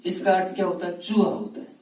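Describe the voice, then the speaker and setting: A man's voice: high-pitched, level tone, quick pace, darkish tone. A man teaching a Hindi grammar lesson for exam preparation. He asks questions and answers them himself, and he repeats words as a drill. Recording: echoey room, mic at a distance.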